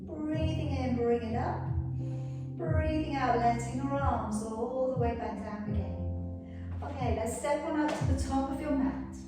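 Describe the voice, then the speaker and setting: A woman leading a guided yoga class as a soothing teacher, cueing breath and movement in a measured way. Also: sits high. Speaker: yoga instructor. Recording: echoey room, distant mic, music behind. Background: music.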